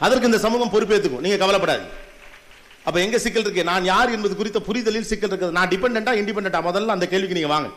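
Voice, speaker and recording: A middle-aged man with a Tamil accent gives an impassioned motivational talk to young women, firing rhetorical questions and swinging between loud and soft. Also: sits high, very fast. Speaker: TV host giving a motivational talk.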